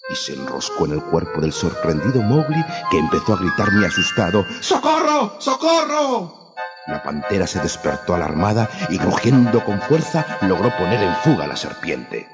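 A man narrating a children's story in an expressive, lively way. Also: low voice, normal speed, hardly any pauses. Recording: echoey, dull, music behind.

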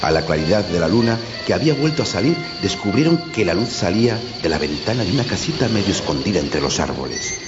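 Deep-voiced man reading a fairy tale. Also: fast, hardly any pauses, over music. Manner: steady, expressive reading. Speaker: narrator. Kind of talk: storybook narration. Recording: dull lo-fi, loud background noise.

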